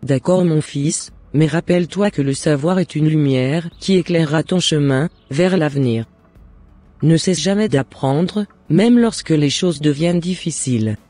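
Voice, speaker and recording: Voicing a devout, loving mother in a cartoon, a man gently advises her son with earnest, encouraging, formally worded lines in scripted dialogue. His fairly high voice is unhurried and a little mellow, with no echo and faint music in the background.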